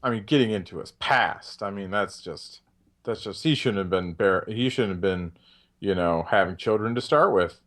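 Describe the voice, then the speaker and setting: A man co-hosting a casual film chat, jokey and animated, laughing often. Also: on the low side, moderate pace. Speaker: podcast co-host.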